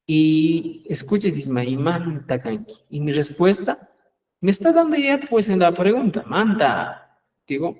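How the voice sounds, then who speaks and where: A man teaching a live online language class, repeating each example phrase slowly and checking in with his students, often trailing off softly at the end of a phrase. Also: high voice, poor audio.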